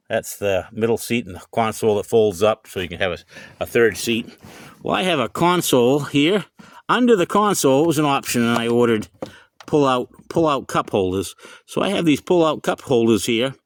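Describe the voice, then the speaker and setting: This hobbyist, an American man who is middle-aged or older, gives a loose, repetitive vlog walkthrough of his CB radio from the cab of his pickup. His voice sits in the mid range, expressive and moderately paced.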